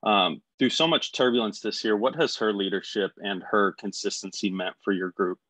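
A man's voice: lowish voice, fairly even intonation, moderate pace, a bit bright, dry recording. Male reporter, concise question. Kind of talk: press conference question.

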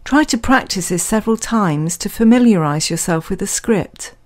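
A woman reading a scripted guided relaxation in a calm, measured, soothing manner, leaving pauses between phrases. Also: medium pitch.

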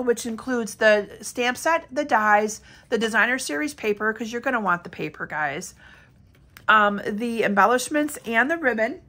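A woman's voice: fairly high pitch, fairly bright tone. A middle-aged woman demonstrating card making in a casual, chatty tutorial, her voice still scratchy with a lingering cough. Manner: chatty and upbeat, addressing viewers directly.

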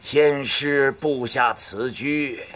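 An older actor playing an effusive, grateful elder in a martial arts film, with theatrical, drawn-out delivery. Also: male voice, mid-range voice, a bit bright. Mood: grateful, solemn.

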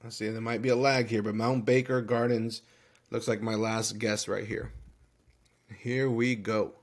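A man hosting a live stream, upbeat and hyped, rattling off viewers' numbers and quickly calling each one out. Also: on the low side, level tone. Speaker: host of a live-streamed Q&A show. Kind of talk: live-stream giveaway, reading viewer guesses aloud.

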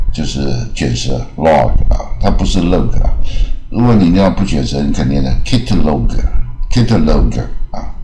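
A man from Taiwan giving a casual spoken English pronunciation lesson, repeating each example word slowly and padding his sentences with fillers. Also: very deep voice, warm tone. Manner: repeats model words slowly, many filler "啊". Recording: echoey room.

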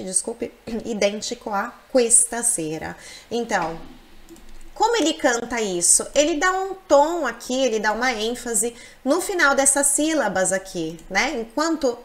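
A woman teaching Italian in a lesson, explaining slowly and repeating words to model their pronunciation. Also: medium pitch. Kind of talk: language lesson.

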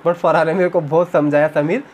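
A man's voice: high-pitched, brisk, a little hiss or hum. Young man telling a story at home. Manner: chatty storytelling, animated retelling. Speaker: vlogger. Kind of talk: casual chat. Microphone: camera on tripod.

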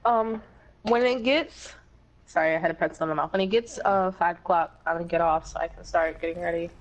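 A woman's voice: on the low side, a little fast, a little hiss or hum, low-quality recording. A woman playing a team shooter alongside a streamer, talking bluntly and swearing freely. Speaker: co-player on the stream. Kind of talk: live gameplay chat.

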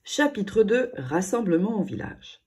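A woman narrating a children's audiobook with expressive storytelling. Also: medium pitch, a little slow, slightly rough.

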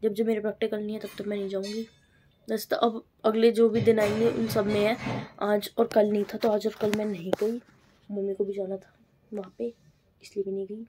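A woman's voice: medium pitch, little pitch movement, fairly quick, dark tone, a little hiss or hum. Chatty young woman vlogging at home. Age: young adult. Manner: chatty, teasing, addresses viewers directly. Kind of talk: casual home vlog chat.

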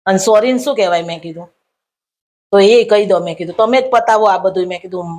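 A woman telling a comic anecdote to camera, acting out what others said in a raised voice. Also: a little fast. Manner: animated retelling, acting out quoted lines in raised pitch. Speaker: comic storyteller.

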